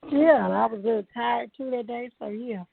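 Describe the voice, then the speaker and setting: A woman from Louisiana with a slow Southern drawl, chatting casually as a guest over the phone. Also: fairly high pitch, creaky, breathy edge, dry recording. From Louisiana, United States. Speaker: podcast guest. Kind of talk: casual chat. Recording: dull, dry lo-fi phone call.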